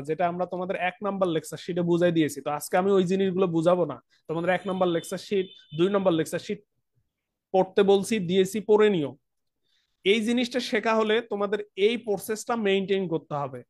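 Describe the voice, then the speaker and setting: A man with a high voice teaches an online accounting class from a dry, close recording. He explains patiently, repeats his points and checks in with the students again and again. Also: no room sound. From Bangladesh. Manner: mixes English terms into explanations.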